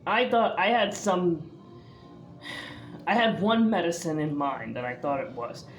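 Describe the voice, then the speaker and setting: A woman's voice: on the low side, measured pace, faint music behind. A woman from the northeastern US talking casually to her camera in a chatty, rambling way, full of fillers and restarts. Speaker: vlogger.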